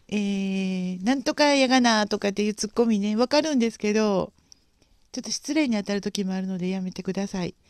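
A woman hosting a casual livestream, speaking gently and politely with frequent pauses and fillers. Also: mid-range voice, dry recording, studio quality. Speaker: livestream host.

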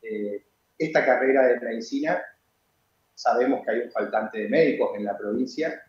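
Rector on a roomy video call. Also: male voice, mid-range voice, dull audio. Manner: measured, explanatory, frequent hesitation fillers. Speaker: university rector. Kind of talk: TV interview over video call. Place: office with flags and bookshelf.

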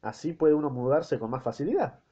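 A man's voice: fairly high pitch, expressive, brisk, warm tone, slightly rough, highs cut off. A man reading the lines of a cynical, glib, drunken husband in a flippant, mocking tone.

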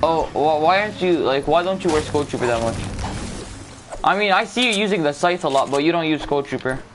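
A man's voice: fairly high pitch, expressive, brisk, a little hiss or hum. A young man chatting over a headset during an online game, teasing and swearing. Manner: profane, teasing. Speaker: gamer in voice chat. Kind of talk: casual gaming chat. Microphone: headset over online voice chat.

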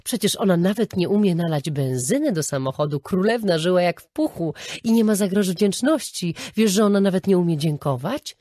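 A woman voicing an outspoken, indignant female friend who talks loudly and swears in an audiobook. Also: fairly low pitch, animated, a little fast, few pauses, dry recording, clean studio sound. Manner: agitated, swearing, loud.

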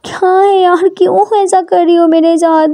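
A woman's voice: very high voice, steady tone, moderate pace, warm tone, pitched above the performer's own voice. A woman voicing a pleading young girlfriend. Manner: wheedling and insistent. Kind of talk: storybook voice acting.

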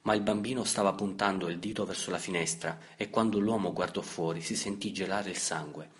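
A man reading a novel aloud as an audiobook narrator, in a measured, steady way. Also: sits low. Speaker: audiobook reader. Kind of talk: scripted literary narration.

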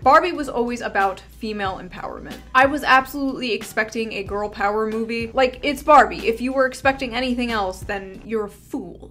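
A young online commentator delivers a sarcastic video essay, ironic and crude, with bursts of mock outrage. Her voice is a little high and a bit bright. She sits close to a large studio mic in a small indoor room with a tinsel backdrop.

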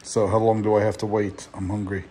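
A man's voice: on the low side, level tone, a little fast, a little mellow, rough recording. A man vlogging casually while riding outdoors, narrating what he sees and teasing his wife. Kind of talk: casual chat. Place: outdoors on a bike ride in a village. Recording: outdoor recording with noise behind.

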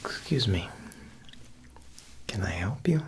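In this ASMR piece, a young adult male performer whispers in a low, sing-song voice at a slow pace, with a faint hiss or hum in the background. His character is a playfully threatening Italian mob boss tailor who speaks like a wiseguy and keeps adding "huh" to his lines.

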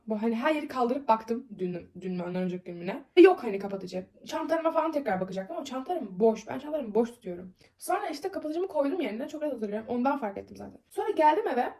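A young woman talks straight to the camera in a casual storytime vlog. Her voice sits high and she races through the telling, rambling and packing in fillers. She sounds upset and keeps venting. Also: warm tone.

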